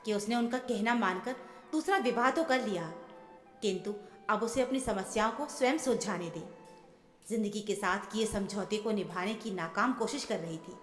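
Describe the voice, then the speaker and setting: Woman narrating an emotional story, reverberant. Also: fairly high pitch. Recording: echoey with long reverb, soft music. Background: soft background music.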